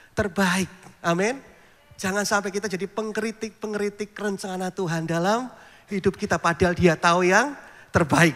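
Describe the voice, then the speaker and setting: A male pastor preaching a sermon, telling stories with lively mimicry of voices. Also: high-pitched, big-room sound. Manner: animated storytelling, mimics voices for humor. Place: church.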